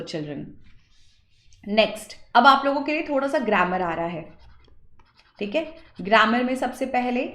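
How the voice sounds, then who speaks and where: A woman's voice: fairly high pitch, echoey room. A woman teaching English grammar in an exam-prep class, mixing Hindi and English and quizzing her students before she answers. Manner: mixes Hindi and English, asks students questions and answers them; slow, deliberate English phrases. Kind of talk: online exam-prep lesson.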